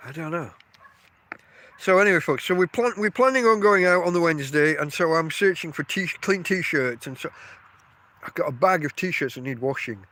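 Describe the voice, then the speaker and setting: Congested with a cold, a middle-aged podcaster rambles alone outside his tent at a field campsite, chatty and often cutting himself off. His fairly high voice is pushed and bright, with lively intonation and a moderate pace.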